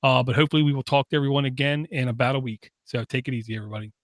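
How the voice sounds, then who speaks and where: A man's voice: medium pitch, rapid-fire, no room sound, clean studio sound. A man hosting a tech podcast, wrapping up the show in a casual tone with a lot of "uh" fillers. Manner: steady, many "uh" fillers, reads out contact details. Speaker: podcast host. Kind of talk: casual sign-off chat.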